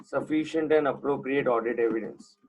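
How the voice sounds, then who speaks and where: A man's voice: mid-range voice, brisk, darkish tone, low-quality recording. A man teaching an online class, putting questions to students and repeating the key points.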